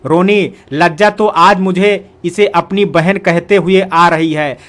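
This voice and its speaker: A stern young brother, as a man reads him aloud, scolding his sister in an earnest voice. The voice sits high for a man. It is a storybook character in a Hindi audio tale. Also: steady tone, takes it slowly, fairly bright tone. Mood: angry. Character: young adult brother, stern but patient.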